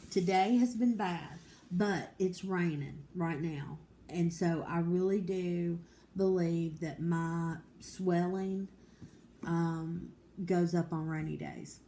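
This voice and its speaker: Woman in her 40s, low mellow voice, candid home vlogger. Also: creaky, slight background noise. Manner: candid, rambling, determined, with many fillers. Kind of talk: casual personal vlog.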